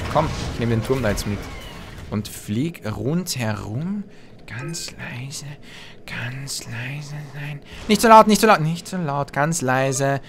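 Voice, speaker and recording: Excitable young man commentating a game. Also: medium pitch, background noise. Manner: animated, trash-talking, hums and mutters to himself. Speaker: gameplay commentator. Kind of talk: excited let's-play commentary. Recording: game sound effects and gunfire behind voice.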